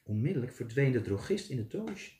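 A man, a teacher, reading a fairy tale aloud to children in a lively, playful way. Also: medium pitch, a little fast. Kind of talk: storybook read-aloud for children. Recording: echoey room.

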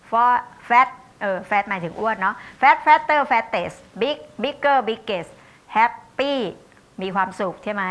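A woman with a Thai accent teaching English grammar in a university lecture. She reads the English examples slowly and explains them in a chatty, warm way with tag questions. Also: mid-range voice.

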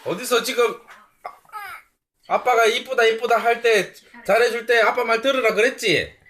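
A man's voice: very high-pitched, measured pace, fairly bright tone. A man in his thirties, a father scolding his young child at home in a stern, firm, questioning way. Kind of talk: casual home video.

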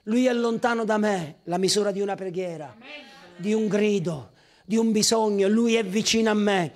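A man preaching a sermon as pastor. He moves between shouted exhortation and hushed asides, and he calls on the congregation to repeat phrases after him. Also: sits high, moderate pace. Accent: Italian. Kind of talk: Pentecostal-style sermon.

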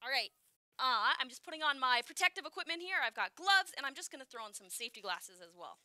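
A woman's voice: sits high, big pitch swings, fast talker, bright, forceful tone, no room sound, clean studio sound. A woman co-hosting a playful science live stream, upbeat and giggly as she explains experiments. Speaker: science show co-host.

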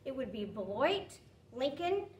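High-voiced woman host, roomy. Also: big pitch swings, measured pace, a little mellow. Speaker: extension agent, interviewer. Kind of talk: hosting an interview. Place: small indoor studio room. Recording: roomy, slightly distant, faint hiss.

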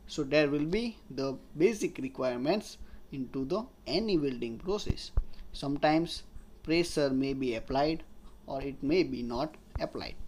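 A man's voice: mid-range voice, darkish tone, a little hiss or hum. A man, giving a slide lecture as an engineering tutor and explaining step by step while restating his points. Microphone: voice-over on slides.

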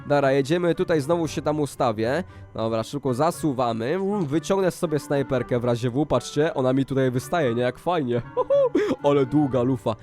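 A man hosting a Minecraft role-play video, talking excitedly to viewers and exclaiming often, with faint music behind. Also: medium pitch, normal speed. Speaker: gaming YouTuber.

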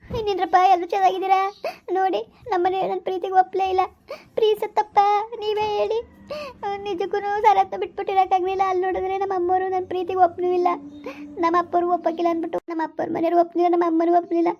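A woman's voice: very high voice, completely flat delivery, racing, dark tone. A woman hosting a village channel, chatting to viewers and asking them to like and subscribe. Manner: chatty, asks viewers directly. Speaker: channel host. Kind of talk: video outro to viewers. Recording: dull lo-fi recording.

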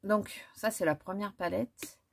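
A woman's voice: medium pitch, a little slow, gravelly. A woman, chatting casually through a makeup haul with many fillers and restarts. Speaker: beauty vlogger. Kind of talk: casual haul chat with swatches.

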